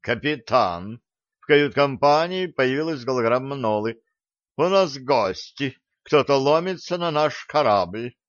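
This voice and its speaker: A man's voice: medium pitch, expressive, no echo, lo-fi sound, lightly acted. A man reading an audiobook, voicing a cheeky female hologram who serves the ship. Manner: brisk, cheeky.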